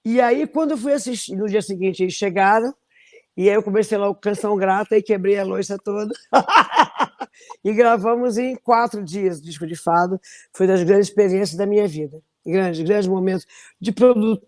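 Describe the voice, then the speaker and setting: A middle-aged woman from Belém, Brazil, with a Brazilian Portuguese accent, a singer telling animated stories in an interview with many restarts. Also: medium pitch. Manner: animated storytelling, frequent restarts. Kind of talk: conversational interview.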